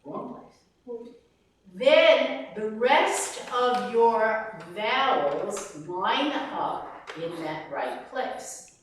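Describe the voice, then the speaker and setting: A woman vocal coach teaching a master class, animated, demonstrating sounds and sung lines. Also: a little high, drawn-out words, slight background noise. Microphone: distant room mic. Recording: very echoey room from far off.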